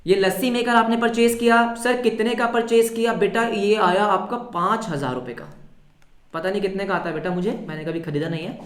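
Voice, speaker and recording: Brief: energetic male accounting teacher, quizzes the class, answers in the students' voice, echoey room. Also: high voice, fairly quick. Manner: mixes English terms into Hindi. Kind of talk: live online class lecture. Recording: roomy echo.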